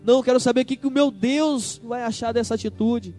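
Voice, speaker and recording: A young Brazilian pastor preaching a sermon in church, swinging from hushed tender lines to loud emphatic ones and acting out quoted voices. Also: male voice, very high-pitched, brisk, soft background music. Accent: Brazilian Portuguese. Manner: acts out quoted voices of children and God. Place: church service.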